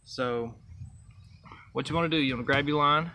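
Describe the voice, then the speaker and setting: Bright-voiced young man teaching. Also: fairly high pitch, normal speed, slight background noise. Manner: easygoing, counts out steps aloud. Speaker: fishing channel host. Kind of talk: casual how-to demonstration. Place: outdoors by trees and a truck. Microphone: camera close up, held near face.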